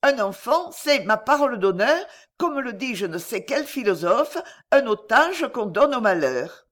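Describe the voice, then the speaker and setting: A woman reading the lines of a cunning male spy in a novel, in measured, sententious tones close to her own voice. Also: fairly high pitch, big pitch swings, voice pushed up. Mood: musing. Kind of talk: audiobook character reading.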